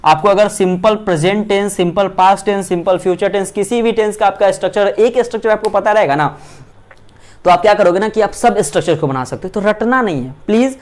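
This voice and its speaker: A man teaching English grammar, asking himself questions and slowly spelling out sentence structures. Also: high voice. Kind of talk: Hindi lecture on English grammar.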